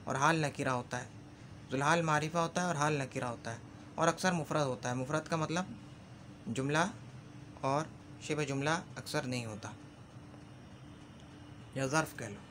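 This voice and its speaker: A man's voice: a little high, moderate pace, long pauses, fairly bright tone, a little hiss or hum. Man teaching grammar, repeating examples. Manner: repeats example phrases, checks understanding with "ठीक है". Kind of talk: explanatory lesson.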